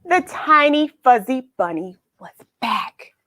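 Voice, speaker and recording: Her fairly high voice, recorded in clean studio sound with no room sound, animates a storybook for children. As host of the read-aloud, she narrates with dramatic pauses and strong emphasis and poses questions to her young listeners.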